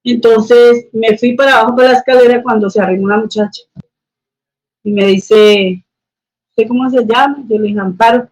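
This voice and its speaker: A woman's voice: a little high, fairly even intonation, normal speed, darkish tone. Earnest woman telling her testimony. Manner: earnest, repetitive storytelling that acts out quoted dialogue. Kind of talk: personal testimony storytelling. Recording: dull lo-fi recording.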